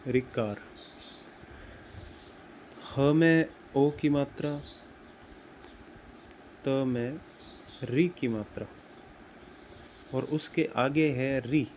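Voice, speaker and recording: A man teaching grammar, explaining slowly and deliberately and repeating words as he writes them out. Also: medium pitch, a little mellow, a little hiss or hum. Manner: slow and deliberate, repeats words while writing. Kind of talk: explaining at a whiteboard.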